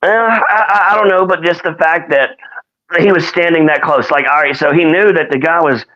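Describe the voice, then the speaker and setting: Male guest, fairly high voice, swearing and filler-heavy, dull lo-fi sound. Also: fairly even intonation, moderate pace, pushed and bright. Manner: profane, filler-heavy, laid-back talk. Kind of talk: casual chat. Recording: dull lo-fi audio.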